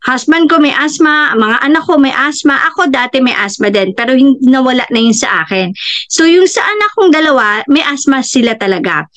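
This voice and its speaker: High-voiced woman telling an animated testimonial. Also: a little fast. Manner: animated, acts out quoted family members with sudden high-pitched jumps. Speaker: customer giving a testimonial. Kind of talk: personal testimonial storytelling. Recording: dull, slightly lo-fi recording.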